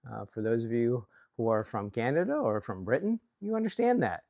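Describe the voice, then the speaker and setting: A man's voice: medium pitch, expressive, fairly quick, gravelly, a little mellow, no room sound. A man from Chicago giving an earnest, self-reflective talk to camera about workplace leadership, often restarting his words. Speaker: leadership coach.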